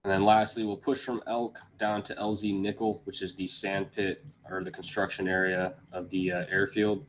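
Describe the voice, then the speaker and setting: Low, flat-voiced man giving a commanding briefing. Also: moderate pace, slight background noise. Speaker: squad leader giving a mission briefing in a military simulation game. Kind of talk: tactical mission briefing, semi-scripted explanation.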